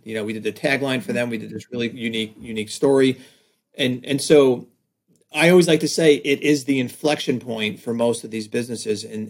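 A middle-aged man from Staten Island with a New York accent, a design agency founder telling stories as a podcast guest, animated and full of restarts. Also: medium pitch. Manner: animated storyteller, many fillers and restarts. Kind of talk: casual podcast interview.

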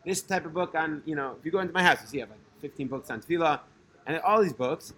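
A man's voice: a little high, fast, fairly bright tone, husky. A man in his thirties, a religious teacher, telling a personal story casually with many fillers.

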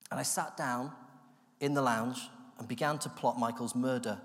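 A man from the UK giving an animated, self-deprecating personal testimony that acts out the voices in his story. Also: mid-range voice, normal speed, a little hiss or hum. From United Kingdom. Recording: long hall reverb.

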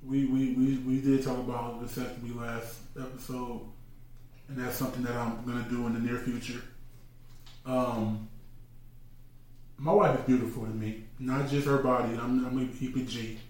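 A man's voice: mid-range voice, little pitch movement, moderate pace, darkish tone. Laid-back joking man, echoey room. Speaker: podcast co-host. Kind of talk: casual couple's chat. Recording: echoey room, mic at a distance.

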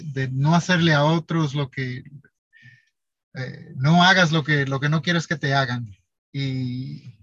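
A man talking haltingly and heartfelt in a casual conversation, sharing a personal experience as a guest. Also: on the high side, a bit bright, no echo. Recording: dull lo-fi sound.

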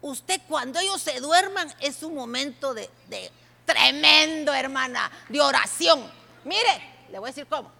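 A woman pastor preaching a sermon, speaking animatedly and directly to the congregation, at times breaking into shouts. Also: high voice, unhurried, gravelly. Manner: animated, addresses listeners directly, bursts into shouts.

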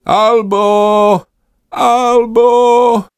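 Muž hrající naléhavou mladou straku. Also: male voice, on the high side, darkish tone, no room sound, voice pushed up, close to an everyday voice. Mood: urgent. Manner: calling out urgently. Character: young female magpie sister, eager and caring.

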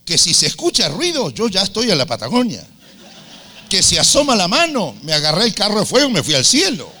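A man's voice: high-pitched, fairly quick. A man preaching a sermon, telling stories with humor and acting out the voices of the people in them. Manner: animated storytelling, acts out voices with humor.

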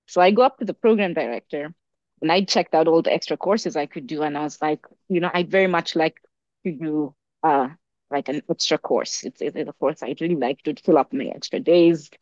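Brisk and low-pitched, a young African podcast guest tells a story in casual conversation. She's lively and animated, often using fillers and starting over mid-sentence. The audio is dull, with no echo.

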